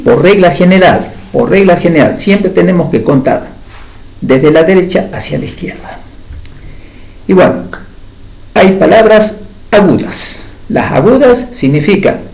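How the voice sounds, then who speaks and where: Gravelly, lively male teacher. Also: on the high side, rough recording. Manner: slow, repeats and stretches example words. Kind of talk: spoken grammar lesson.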